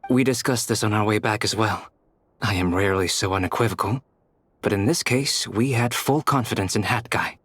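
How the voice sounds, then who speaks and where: A calm, thoughtful young scholar with a low, even voice. He speaks in a measured, deliberate way. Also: husky, no echo. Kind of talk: video game voice acting.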